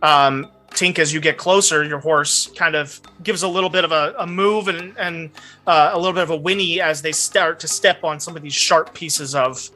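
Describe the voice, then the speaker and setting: A game master improvises narration for a tabletop game, describing scenes conversationally and addressing the players directly, with background music playing. The voice is medium-pitched and steady, at a moderate pace, sounding pushed and bright.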